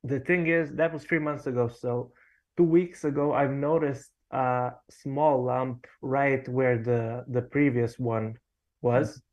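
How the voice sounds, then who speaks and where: A man's voice: mid-range voice, fairly even intonation, slow pace, darkish tone. A man from Serbia calling a live show, speaking in a hesitant, detailed way with many fillers. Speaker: caller.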